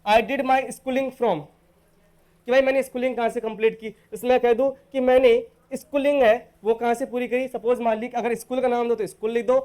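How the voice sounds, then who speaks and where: Patient and unhurried with the model phrases, this Rajasthani English teacher records an online spoken-English lesson and addresses his students as "beta." He has a very high-pitched, steady voice that is smooth with a darkish tone.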